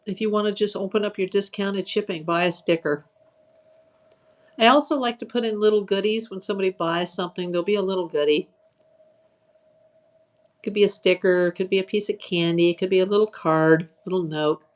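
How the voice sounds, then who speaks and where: Hours into a live online auction stream, a woman's medium-pitched voice has grown weary and a bit hoarse. She talks fairly quickly in casual live-selling chat, welcoming viewers by name and listing what's up for sale.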